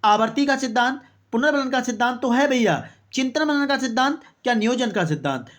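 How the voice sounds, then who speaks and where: Running an exam-prep quiz online, this talkative teacher voices every option as a rhetorical question, then confirms the correct answer with a brisk "okay, exactly," addressing viewers all along as brother and friends. The mid-range voice sounds expressive and a bit bright.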